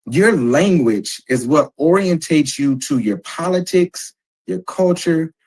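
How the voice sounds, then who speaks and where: A man moderating a casual panel discussion, explaining points in a measured, lecturing way. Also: medium pitch, poor audio.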